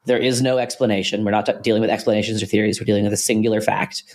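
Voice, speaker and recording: A man co-hosting a podcast, talking through ideas in a thoughtful, hesitant way with many pauses and restarts. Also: on the low side, fairly even intonation. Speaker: podcast co-host. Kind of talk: casual philosophical conversation.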